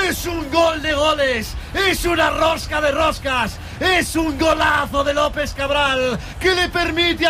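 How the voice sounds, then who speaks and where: A man's voice: very high voice, bright, forceful tone. A man commentating on football in breakneck goal commentary, impassioned, exclamatory and repetitive, drawing out his cries. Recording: crowd roar and faint noise behind. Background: stadium crowd.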